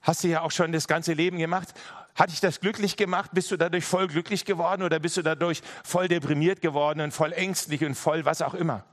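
A man's voice: fairly high pitch, fairly even intonation, a little fast. A man preaching a sermon in an earnest, direct way, speaking straight to his listeners and often repeating his phrases.

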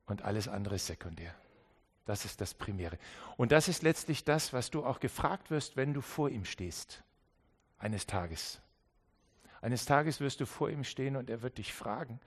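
A man preaching a sermon to a congregation, emphatic, dropping to quiet low asides and repeating key phrases for weight. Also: husky. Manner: emphatic, swings between loud stresses and quiet low asides. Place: church service with an audience.

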